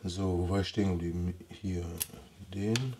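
Against a noisy background, a low-voiced man with a Ruhr German accent talks at normal speed while working on a bonsai. The vlogger's commentary is casual, mostly him thinking aloud and muttering as he trims.

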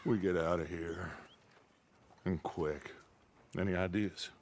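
A man's voice: low voice, fairly even intonation, takes it slowly, slight background noise. A man playing a grandiose, defiant middle-aged outlaw gang leader in a western game, with theatrical, commanding oratory. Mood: urgent, commanding. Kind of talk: dramatic video game western acting.

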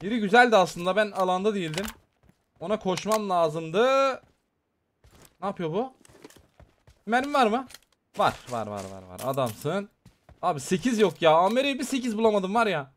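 A gaming streamer man with a fairly high voice calls out his match in rapid, excitable bursts. He talks straight to his viewers the whole time, and a faint noise sits under the recording. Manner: excitable, chatty, talks to viewers while playing. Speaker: gaming YouTuber. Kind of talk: live mobile game commentary.

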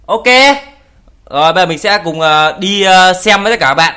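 A man's voice: high-pitched, brisk, sharp tone. A young man casually commenting on video clips, teasing and joking, laughing often and swearing in English. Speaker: YouTuber reacting to videos.

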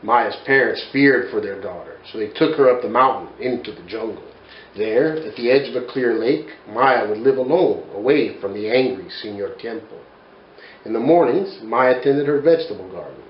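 The recording is roomy and muffled as a storyteller in his forties, speaking at a moderate pace in a medium-pitched voice, reads a children's picture book in a bookshelf-lined study. He brings the tale to life with animated, expressive delivery.

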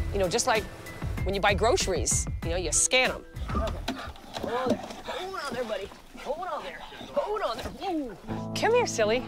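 Middle-aged woman running a dog rescue, blunt and casual, lots of "you know", mid pitch, music under her. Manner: direct, plain-spoken, many casual fillers. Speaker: animal rescue shelter owner. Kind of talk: reality TV interview and on-location talk. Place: outdoors in open fields and lots. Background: background music.

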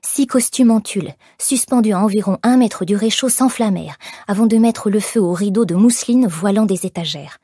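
A woman narrating an audiobook in measured, expressive storytelling. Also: mid-range voice, slightly rough, no echo, clean studio sound. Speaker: audiobook reader. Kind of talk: scripted narration.

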